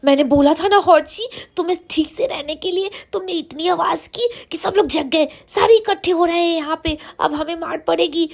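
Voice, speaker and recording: A woman voicing a sneaky young girl in a cartoon story who scolds her pet horse in a bossy, hushed way. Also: extremely high pitch, moderate pace, vocal fry, few pauses. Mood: scolding.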